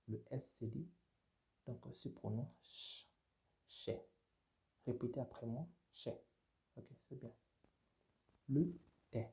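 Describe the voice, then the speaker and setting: A man teaching a language lesson, saying each sound slowly and asking listeners to repeat, with many hesitant fillers. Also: mid-range voice, warm tone. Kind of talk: slow spoken language lesson.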